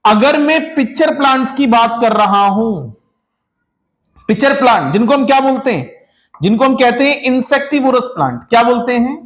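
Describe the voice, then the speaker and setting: A man's voice: very high voice, animated, normal speed, a bit bright. A male teacher lecturing to a class. He keeps asking the class rhetorical questions, repeats key points, calls his students children, and mixes English terms into his speech.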